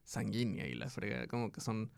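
A man with a Mexican Spanish accent co-hosting a podcast in casual chat, relaxed and reading definitions aloud. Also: fairly low pitch, a little fast, creaky, clear, resonant tone, no echo. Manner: laid-back, reads aloud with laughs. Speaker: podcast co-host.

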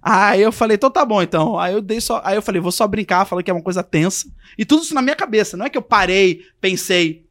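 A young man tells a story in a relaxed, casual chat. His voice sits high and his words come fast, and he slips into the voices of the people he quotes. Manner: animated, acts out quotes and voices. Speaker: podcast guest.

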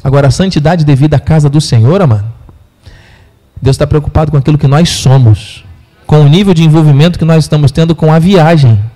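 A man with a Brazilian Portuguese accent preaching a sermon, telling a story with animated voices for the people in it. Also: a little high, a little fast. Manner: animated storyteller, acts out quotes. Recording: long hall reverb.

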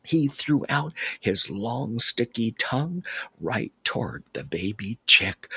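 A man telling an animal tale aloud, expressive and slipping into whispers for suspense. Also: mid-range voice, slow, no echo. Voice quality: husky. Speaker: storyteller. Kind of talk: animated oral storytelling.

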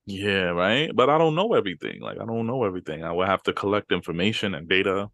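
Animated deep-voiced man, casual podcaster. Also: fast, creaky, no echo, clean studio sound. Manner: teasing, slangy, conversational. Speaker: podcast co-host. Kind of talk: casual unscripted podcast banter.

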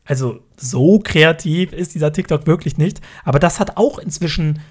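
A man in his thirties with a slightly high voice chats casually as a podcast co-host. He is opinionated and talkative, and laughs between his points. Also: moderate pace, slightly rough. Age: 30s. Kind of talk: casual chat. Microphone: remote call from home.

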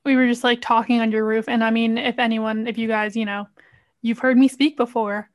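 A woman's voice: on the high side, flat delivery, brisk. Sarcastic young woman, dry delivery. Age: young adult. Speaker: guest. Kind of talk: casual chat.

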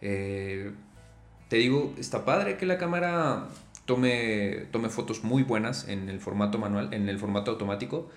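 A man's voice: fairly low pitch, measured pace. A man hosting a casual solo podcast, talking loosely with many fillers and repeated words. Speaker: podcast host. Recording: echoey room, faint music.

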